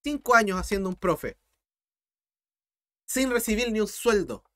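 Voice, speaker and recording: Young Chilean male tutor, high voice, blunt, fired-up livestream talk. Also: expressive, a bit bright. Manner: blunt, impassioned, talks fast. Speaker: math tutor streamer.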